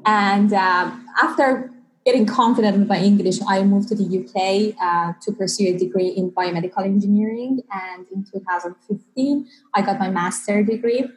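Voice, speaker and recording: A woman in her thirties from Iran, a PhD student answering interview questions in a conversational, slightly halting way. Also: medium pitch, steady tone, a little hiss or hum, rough recording. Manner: earnest, slightly halting non-native phrasing with fillers. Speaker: guest, PhD student in biomechanics.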